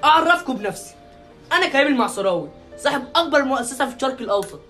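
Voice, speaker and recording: Woman putting on a slick egyptian guy boss, low voice, talks super fast, bit of music behind. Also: expressive, fairly bright tone. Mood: grandiose. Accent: Egyptian Arabic. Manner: persuasive, fast, pitched low. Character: smooth-talking male benefactor, boss of a big organization.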